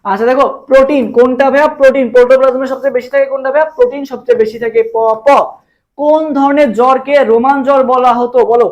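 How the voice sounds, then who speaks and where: In a live online lesson for an admission exam, a young man with a Bangladeshi Bengali accent quizzes viewers again and again and drills answers with memory tricks. His voice is very high-pitched and level, he speaks rapid-fire, and the sound is lo-fi.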